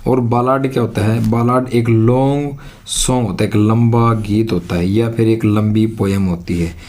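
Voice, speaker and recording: A man's voice: fairly low pitch, fairly even intonation, moderate pace, a little mellow. A man teaching an exam-prep English lesson, explaining step by step and repeating his own questions.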